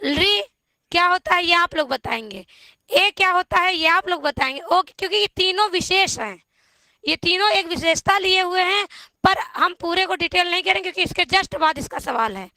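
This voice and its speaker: A woman teacher going through exam questions slowly, repeating each option and asking viewers to answer before giving it. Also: very high-pitched, lively intonation, bright, forceful tone, no echo. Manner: slow, repetitive quizzing of viewers. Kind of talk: exam-prep lesson on Hindi grammar.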